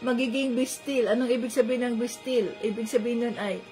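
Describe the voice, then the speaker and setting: A woman's voice: a little high, steady tone, fairly quick, warm tone, soft background music. A woman giving a casual Bible teaching, repeating phrases soothingly and mixing in English. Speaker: Bible study preacher.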